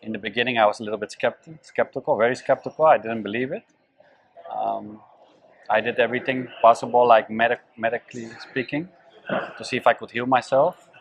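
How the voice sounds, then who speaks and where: A man from the Netherlands speaking as an interview guest. He talks at a middle pitch. His answers come hesitantly, with frequent fillers and restarts. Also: steady tone, a little fast, gravelly, breathy edge, highs cut off. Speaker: guest, event volunteer.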